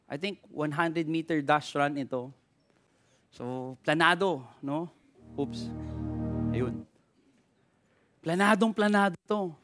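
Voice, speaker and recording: A man's voice: fairly high pitch, takes it slowly, pauses often, faint music behind. A Filipino pastor preaching energetically, calling out to his congregation and switching freely between Tagalog and English. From Philippines. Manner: energetic preaching with repeated call-outs to the congregation. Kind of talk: sermon. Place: church.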